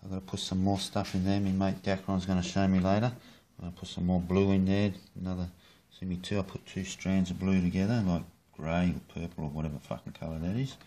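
A man's voice: deep voice, steady tone, fast talker, few pauses, warm tone. A man with an Australian accent rambling casually in his kitchen, swearing freely and joking as he shows his hobby work. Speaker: hobbyist rod builder. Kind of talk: casual how-to video. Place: home kitchen.

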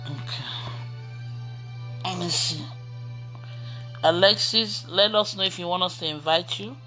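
A woman's voice: fairly low pitch, unhurried, sharp tone, soft background music. Exclaiming woman host of a prayer stream. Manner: exclaims often, reads comments aloud. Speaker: host reading viewer comments. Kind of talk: live-stream prayer chat. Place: small room indoors. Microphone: phone camera at arm's length.

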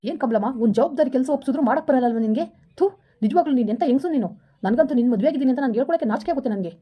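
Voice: high-pitched, animated, rapid-fire, slightly rough. A performer playing a stern male gang boss who scolds and threatens his wife impatiently. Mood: scolding. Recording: muffled lo-fi recording.

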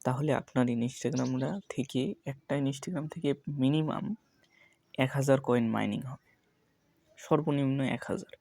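A man hosting a screen-recorded tech tutorial, walking viewers through each step slowly with many fillers. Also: medium pitch, vocal fry, a little mellow, no echo. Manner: slow step-by-step instructions with fillers. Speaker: tutorial host.

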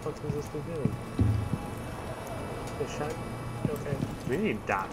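A man's voice: on the high side, animated, slow pace, loud music behind the voice. A man chatting casually with friends during a shooter game, teasing and giving callouts. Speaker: teammate. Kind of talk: casual gaming chat.

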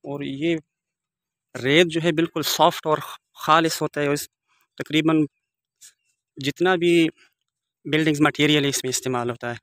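On the high side and steady in tone, this village vlogger's voice moves at a moderate pace with long pauses, sounding a bit bright in a dry recording. He's in his forties, holding his phone camera as he walks open riverbed countryside, giving formal, devout commentary with Arabic blessings.

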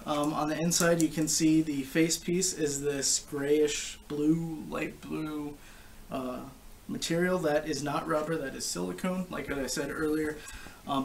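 Gravelly young man, recorded from a distance. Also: a little high, steady tone. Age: young adult. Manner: informal, explanatory, halting. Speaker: gas mask collector and reviewer. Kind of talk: casual product review to camera. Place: living room couch, indoors. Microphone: camera a short distance away. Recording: distant camera mic with background noise.

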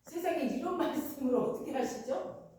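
Woman pastor giving a sermon, lively storyteller voice, sounds far off in a roomy church. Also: high voice, normal speed. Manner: expressive storytelling, acting out quoted voices. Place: church sanctuary. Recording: roomy church hall, mic held at a distance.

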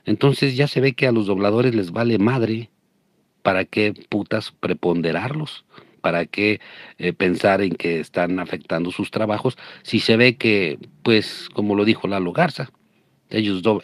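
A man's voice: lowish voice, moderate pace, no room sound. A man hosting his channel, delivering a crude, combative rant of commentary. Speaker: channel host. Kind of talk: ranting commentary.

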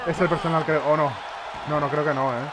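A man with a Spain Spanish accent giving excitable live commentary over a wrestling video game, reacting with shouts. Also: a little high, fairly quick. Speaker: gamer. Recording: loud game crowd and noise behind. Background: wrestling game crowd noise.

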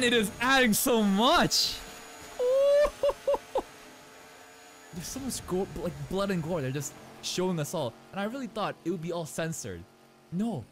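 A young man hosting an anime reaction video, talking casually with slang and swinging between loud outbursts and low muttered asides into a studio mic. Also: a little hiss or hum. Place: small bright indoor room. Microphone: large studio mic on a boom arm.

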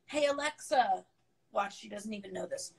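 This is a mid-range, gravelly, slightly mellow voice with a breathy edge and lively intonation at normal speed. It belongs to a woman in her twenties casually chatting on a phone livestream at home in her apartment, profane and offhand, with laughing asides and a stuffy nose, the camera held at arm's length.

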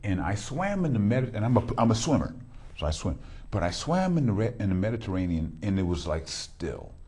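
Hosting an interview in a TV studio with a backdrop, a middle-aged pastor from Los Angeles, California talks in a rambling way full of repeated words. His fairly low, dark voice has a breathy edge and is very animated and brisk.

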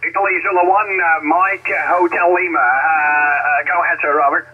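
A man's voice: a little high, fairly even intonation, normal speed. A man working as an amateur radio net controller, speaking over two-way radio in procedure words and call signs. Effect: heard over shortwave radio. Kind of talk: radio contact traffic, over walkie-talkie style. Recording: muffled noisy shortwave radio reception.

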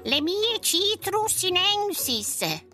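Brief: woman doing a shrill, bossy little king, loud and bright, insults everyone. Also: big pitch swings, drawn-out words, soft background music, full character voice. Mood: indignant. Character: tiny pompous tantrum-throwing king, man. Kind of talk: storybook read-aloud.

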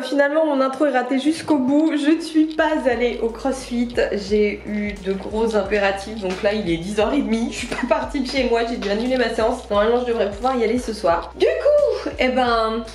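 A woman's voice: fairly high pitch, a little mellow. Chatty woman vlogging in an echoey room. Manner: chatty, laughs at her own flubbed intros. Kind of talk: casual vlog chat and recipe narration. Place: small home kitchen and living room, indoors. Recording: roomy echo with light music behind.

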